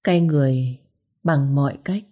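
A woman narrating a scripted story in a steady, measured reading. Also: a bass voice, breathy edge. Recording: faint music behind. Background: faint background music.

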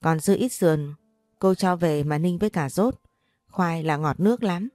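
A woman's voice: on the low side, normal speed, a little mellow, no echo, studio quality, faint music behind, close to an everyday voice. A woman voicing a generous market woman offering extra food. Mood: kind. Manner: generous, chatty. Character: kindly market woman selling meat.

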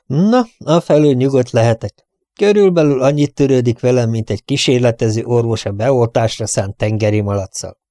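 A man's voice: medium pitch, mellow, no echo, studio quality, close to an everyday voice. A man voicing a stammering young man, resentful about a girl. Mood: flustered. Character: flustered, bitter young man.

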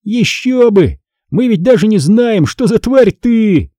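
A man's voice: high-pitched, lively intonation, slow pace, warm tone, no echo, clean studio sound, voice pushed up, full character voice. A man reading an audiobook, voicing a boy who mocks and teases his sister. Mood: mocking. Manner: mocking and teasing. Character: teasing, mocking older brother, a boy.

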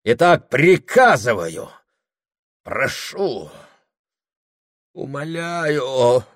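A man voicing a domineering, grandiose husband who shouts and hammers every phrase in an audiobook. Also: mid-range voice, big pitch swings, drawn-out words, no room sound, clean studio sound, voice pushed up, heavily acted. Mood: furious commanding. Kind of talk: audiobook character voice.

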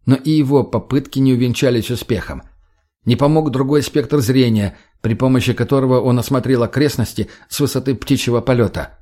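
A man narrating an audiobook in a steady, plain storytelling manner. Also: mid-range voice.

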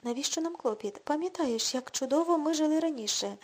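A woman's voice: sits high, lively intonation, a little fast. A woman reading the lines of a drunken, boastful washed-up middle-aged man who talks in a pushy, self-assured, coaxing way.

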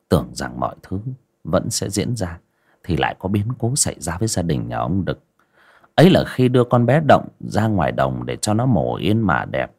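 A man narrating a dramatic audio story in an expressive reading style. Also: sits low.

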